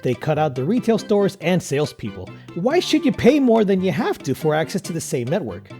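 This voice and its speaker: A man putting on a disembodied voice that drifts in from nowhere like an unseen salesman. It teases and pushes a deal with lively, swinging intonation. The tone stays dark and mellow, with faint music underneath. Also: a little fast. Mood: salesy. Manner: smooth sales pitch, teasing. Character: mysterious disembodied male voice from nowhere, pushy salesman. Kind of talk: scripted ad read.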